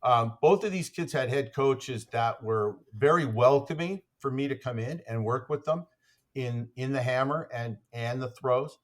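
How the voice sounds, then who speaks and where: A man's voice: medium pitch, measured pace. A man, an athletics coach, telling stories as a podcast guest in a rambling way, full of fillers and restarts. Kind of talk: casual conversational storytelling.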